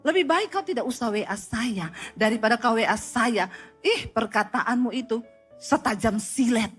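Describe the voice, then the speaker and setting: A woman preacher delivering a sermon as vivid storytelling, swinging sharply between loud and soft. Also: normal speed, slightly rough, faint music behind. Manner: expressive storytelling with sharp rises and drops in pitch and volume.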